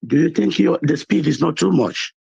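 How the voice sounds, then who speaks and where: A hoarse man with a cold, calling into an online meeting and speaking hesitantly with many fillers. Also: a little high, moderate pace, a little mellow, no room sound, lo-fi sound. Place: London.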